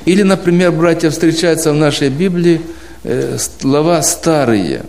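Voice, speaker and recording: A man with a somewhat high voice teaches a room of church brothers how to preach. He explains at an unhurried, patient pace, reaching for everyday examples and posing rhetorical questions to his listeners. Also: a little mellow. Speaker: preaching instructor. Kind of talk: informal teaching talk to a group of church brothers. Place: church congregation abroad.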